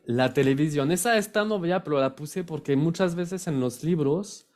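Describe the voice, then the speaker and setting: Slow, patient French-accented male teacher. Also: mid-range voice, darkish tone. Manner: patient, repeats each word slowly. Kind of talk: online language lesson. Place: on camera, recording a video lesson.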